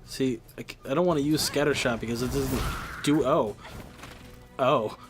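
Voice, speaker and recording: A man's voice: medium pitch, normal speed, music in the background. A man casually chatting while playing a video game, reading on-screen text aloud under his breath. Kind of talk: casual gameplay chat.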